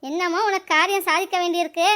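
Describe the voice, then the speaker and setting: A woman's voice: steady tone, fast, fairly bright tone. A woman voicing a scolding old village grandmother in a cartoon. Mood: teasing. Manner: scolding, shrill, teasing. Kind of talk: cartoon voice acting.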